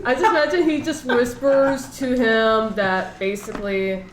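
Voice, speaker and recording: A woman's voice: fairly high pitch, steady tone, unhurried. A woman playing a tabletop role-playing game, describing her character's actions in a rambling, casual way with many fillers. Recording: echoey room with faint noise.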